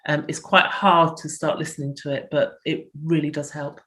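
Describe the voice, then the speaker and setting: A woman's voice: deep voice, fairly even intonation, moderate pace, a bit bright. Chatty middle-aged woman physiotherapist. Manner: chatty, explains with acted inner voices. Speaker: physiotherapist guest. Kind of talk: explaining health tips in an interview.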